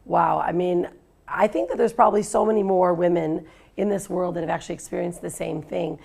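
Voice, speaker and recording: A woman's voice: lowish voice, fairly even intonation, a little fast, vocal fry, a little mellow, slightly rough. A middle-aged woman hosting an interview, asking questions in an enthusiastic, affirming way. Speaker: host. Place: studio set with armchair.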